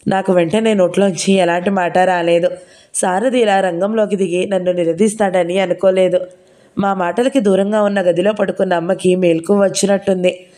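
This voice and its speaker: A woman narrating a novel in the first person with steady storytelling. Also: medium pitch, normal speed. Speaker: audiobook narrator.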